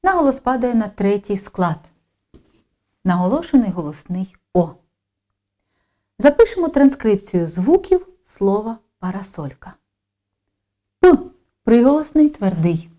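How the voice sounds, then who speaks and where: A woman teacher narrating a lesson in a slow, careful, deliberate way. Her voice is mellow and soft-edged, and her pitch moves freely up and down as she stresses each step. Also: big pitch swings.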